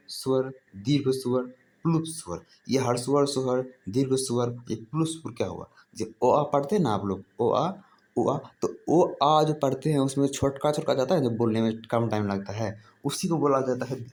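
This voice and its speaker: A man's voice: medium pitch, darkish tone. A man teaching Hindi grammar in a casual classroom style, repeating points and asking and answering his own questions. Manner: casual, addresses listeners as brother. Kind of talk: informal classroom-style explanation.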